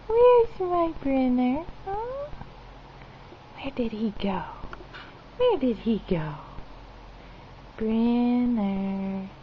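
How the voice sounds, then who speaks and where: A woman's voice: high voice, lo-fi sound, a little hiss or hum. A mother playing peekaboo with her baby, talking in sing-song baby talk with gasps.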